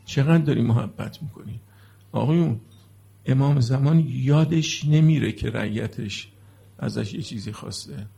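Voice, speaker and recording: Husky, gravelly-voiced male preacher. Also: medium pitch, dark tone. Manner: emotional, shifting from earnest explanation to mournful lament. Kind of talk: religious sermon to a seated congregation.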